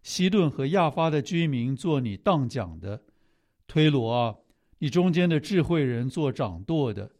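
A man reading scripture aloud in a steady, measured way. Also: medium pitch. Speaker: scripture reader.

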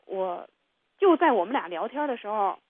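A woman's voice: mid-range voice, very animated, normal speed. Earnest woman telling a story, tinny sound. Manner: earnest storytelling, acting out her children's voices. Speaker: interview guest. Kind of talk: personal testimony on a radio program. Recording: tinny phone-like radio sound.

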